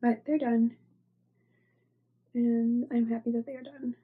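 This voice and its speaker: With a stuffy cold, a young woman rambles casually on her knitting podcast, filling the show-and-tell with fillers and often trailing off into near-whispers. She speaks fairly high and flat at a measured pace, slightly rough. The audio is narrow and tinny.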